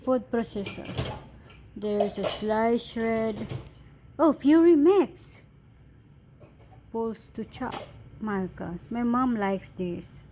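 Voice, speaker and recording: A woman chatting casually in a home kitchen as vlog host, asking many questions in halting English. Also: fairly high pitch, fairly even intonation, darkish tone. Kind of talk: casual cooking chat. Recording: noisy kitchen with sizzling.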